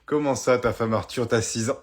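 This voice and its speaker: A man's voice: mid-range voice, steady tone, normal speed, lightly acted. A man voicing an exasperated, strict mother scolding her little boy in a comedy sketch. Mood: stern scolding. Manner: scolding, stern.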